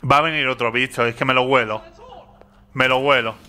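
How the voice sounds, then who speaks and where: A man's voice: mid-range voice, fairly even intonation, a little fast, pushed and bright, clear, resonant tone. A young man from commentating a horror game, nervous, repeating phrases and talking to himself. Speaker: gaming youtuber.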